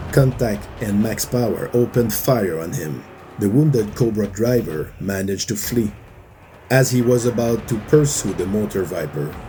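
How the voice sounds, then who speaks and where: A man whose first language is not English, narrating a tabletop game session recap as game master, in a measured storytelling manner. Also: lowish voice, dark tone.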